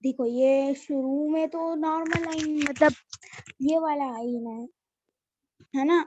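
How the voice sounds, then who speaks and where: High-voiced woman teaching letters patiently. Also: fairly even intonation, slow, warm tone, lo-fi sound, a little hiss or hum. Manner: patient, repeats each letter name. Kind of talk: children's alphabet lesson.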